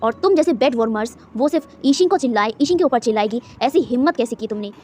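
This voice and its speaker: A woman voicing an arrogant, cruel rich woman who shouts insults, in a storybook reading. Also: fairly high pitch, expressive, quick pace, a little hiss or hum, natural voice. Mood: furious.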